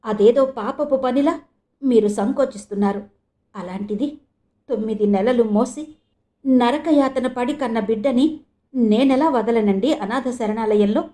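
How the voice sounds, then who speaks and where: A woman's voice: unhurried, pauses often, mellow, natural voice. A woman voicing a distraught young mother who cries and pleads, from an audio novel. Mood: firm. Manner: tearful, pleading, high-strung.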